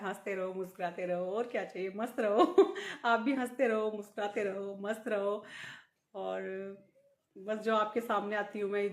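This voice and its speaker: A middle-aged woman vlogging in casual chat to the camera, laughing often as she talks. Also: mid-range voice. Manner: laughs often while talking. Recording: echoey room.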